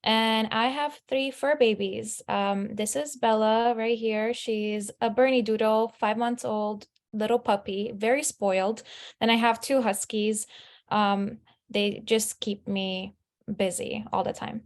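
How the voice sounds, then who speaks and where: A woman's voice: a little high, fairly even intonation, slow pace. A woman in her twenties from Lebanon giving a chatty, upbeat presentation over a video call, with frequent fillers. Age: 20s. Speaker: student speaker.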